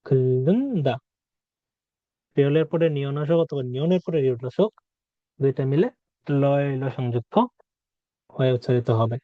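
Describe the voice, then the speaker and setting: A man's voice: mid-range voice, no echo. Man drilling words in a dry, dull recording. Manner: repeats words slowly, drilling pronunciation. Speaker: language teacher. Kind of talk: spoken lesson.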